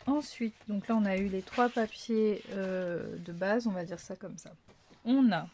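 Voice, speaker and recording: A woman presents a scrapbooking box in a relaxed, slow walkthrough. She hesitates often, fills gaps with little sounds and apologetic asides, and corrects herself as she goes. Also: mid-range voice, a little hiss or hum. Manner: hesitant, thinking aloud with many fillers. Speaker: craft video host. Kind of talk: casual unboxing walkthrough.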